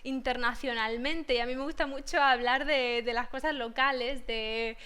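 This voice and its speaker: Andalusian woman teacher, high clear voice, thoughtful, lots of restarts, video-call interview guest. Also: steady tone, normal speed, sharp tone. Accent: Andalusian Spanish. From Granada, southern Spain. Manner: thoughtful, many restarts and fillers.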